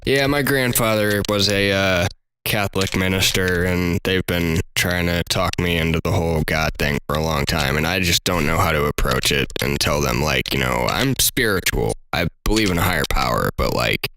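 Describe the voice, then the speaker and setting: A man's voice: deep voice, normal speed, sharp tone, slight background noise, low-quality recording. A man in his twenties hosting a casual group podcast, laughing often and restarting his sentences. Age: 20s. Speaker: podcast host.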